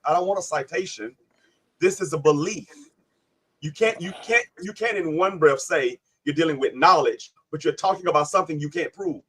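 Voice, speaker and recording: A man's voice: a little high, moderate pace, fairly bright tone, husky. A man hosting a live online panel, debating insistently, cutting in and repeating his questions. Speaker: livestream host.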